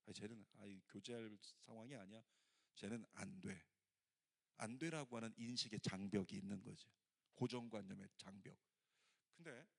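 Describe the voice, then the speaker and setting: 걸걸한 목소리로 설교하는 중년 남성 목사. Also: male voice, mid-range voice, creaky. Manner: animated storytelling, acts out quoted voices. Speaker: pastor. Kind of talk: sermon with storytelling.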